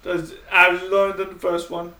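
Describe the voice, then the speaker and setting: A man's voice: high voice, monotone, moderate pace, bright, forceful tone. A man giving a casual, rambling vlog book review, often restarting his sentences. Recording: echoey room, mic at a distance.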